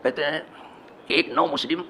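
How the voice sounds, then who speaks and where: A man's voice: a little high, steady tone, a bit bright, slight background noise. A man with an Indian Urdu accent teaching hadith as a mosque imam, telling a story with asides to his listeners and building to emphatic repetition.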